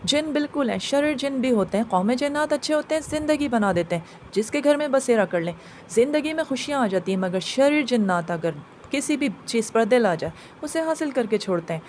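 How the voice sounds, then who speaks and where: A grave male cleric in a spoken horror story, explaining in a solemn, instructive tone, as a woman narrator voices him. The voice stays rather high and light beneath the gravity. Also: lively intonation, a little fast, a little mellow, a little hiss or hum, natural voice.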